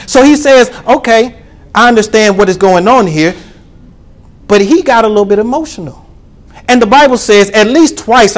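A pastor preaching a sermon to his congregation, calling for responses and rising to shouts. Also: sits high.

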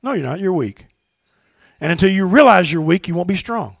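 A man preaching from a church pulpit, his very high voice rough with gravel. He shouts his exhortations and drops to low, quiet asides, and he calls on the congregation to say lines back with him. The sound is close and dry. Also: lively intonation, brisk, no echo. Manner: call-and-response with the congregation. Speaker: pastor. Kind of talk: sermon. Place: church sanctuary.

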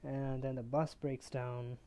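A young man hosting a podcast, recapping a book chapter casually with lots of fillers and quick voices for the characters, recorded on a tablet on his bed. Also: medium pitch, level tone, warm tone, a little hiss or hum. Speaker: podcast host. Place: bedroom, on a bed. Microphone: tablet built-in mic.

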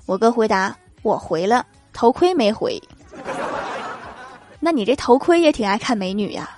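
A woman's voice: on the high side, big pitch swings, a little fast, over music. A young woman hosting a joke show, telling funny everyday stories in an upbeat way and chuckling at her own punchlines. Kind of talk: comedic joke storytelling.

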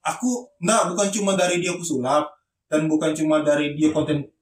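Casual podcast co-host, a man with a lilt, slightly high voice, roomy distant mic with faint hiss. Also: brisk.

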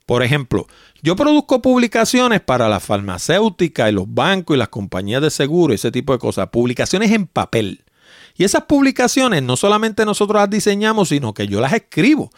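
Podcast host: middle-aged Puerto Rican man, lively pitch, fairly high voice, emphatic explainer. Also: fairly quick, dry recording, studio quality. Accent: Puerto Rican Spanish. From Puerto Rico. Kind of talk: casual solo podcast talk.

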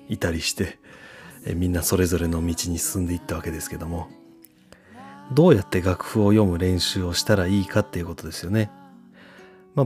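A deep-voiced man hosts a laid-back solo radio talk, answering a listener in an easygoing, chatty manner. He often fills pauses with a drawn-out "um", and soft guitar music sits faintly underneath. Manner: relaxed and chatty, frequent "um" fillers. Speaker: podcast radio host.

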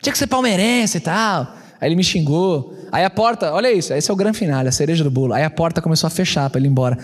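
São Paulo pastor, 30s, high-ish voice, animated storyteller, reverberant church hall. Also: male voice, racing. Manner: animated, acts out both sides of a quarrel. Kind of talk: storytelling sermon.

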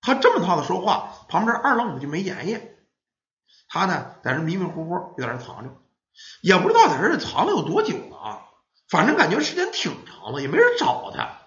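A male storyteller with lively pitch, speaking a little fast, tells a ghost story aloud in a folksy manner, acting out children and parents. The sound is lo-fi, echoey, roomy and dull.

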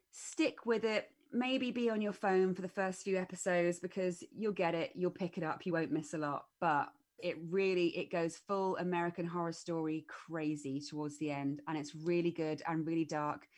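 A woman co-hosting a casual podcast, giving blunt, sweary opinions on a TV series. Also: deep voice. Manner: blunt and sweary, laughs easily. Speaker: podcast co-host. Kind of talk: casual podcast film review.

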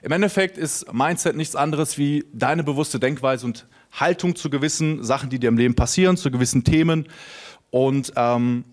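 A man's voice: medium pitch, moderate pace. A young adult man speaking on a microphone to a live seminar audience, casual and chatty, full of fillers, telling anecdotes to the room.

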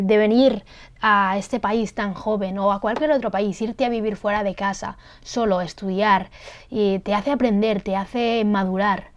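A woman hosts a podcast interview in a smooth, clear voice of middle pitch. She asks her questions and explains terms for the listeners as she goes. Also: darkish tone. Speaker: podcast host.

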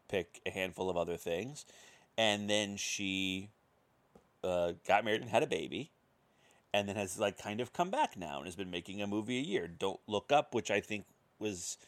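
A man co-hosting a podcast, chatting casually with dry, sarcastic teasing. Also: low-pitched. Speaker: podcast co-host. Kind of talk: casual chat.

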